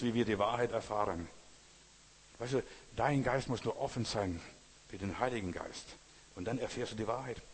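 A man preaching as a pastor, emphatic, repeating phrases and rising to loud exclamations. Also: medium pitch, a little hiss or hum. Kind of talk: sermon. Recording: long hall reverb.

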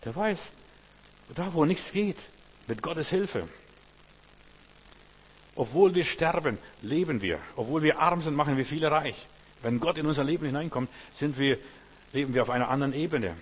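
A man preaching a sermon, emphatic and repetitive, swinging between loud and hushed passages. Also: a little high, expressive, normal speed, pauses often, husky. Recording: long reverb with faint hum.

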